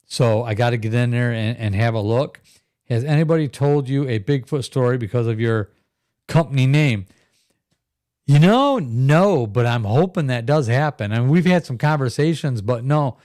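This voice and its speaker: A middle-aged man hosting a casual live stream, rambling and chatty, breaking into laughs as he reads out viewer comments. His voice sits at an everyday middle pitch. The sound is dry and close, with no room echo. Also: moderate pace, darkish tone. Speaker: live podcast host.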